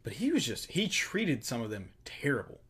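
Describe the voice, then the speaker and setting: A man's voice: mid-range voice, huge pitch swings, moderate pace, a bit bright, slightly rough. A man in casual sports chat, blunt and mocking, often imitating coaches. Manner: blunt, mocking, quotes coaches in put-on voices.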